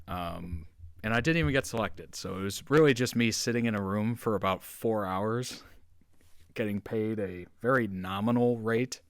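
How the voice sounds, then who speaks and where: A man's voice: lowish voice, clean tone, dry recording, clean studio sound. A man giving casual, chatty commentary as the host of a reaction video.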